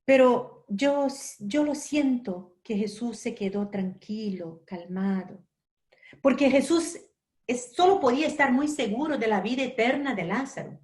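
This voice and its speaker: Gentle, slightly high-voiced woman lecturer. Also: expressive. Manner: gentle, unhurried storytelling with soft asides. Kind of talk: spiritual lecture with personal storytelling.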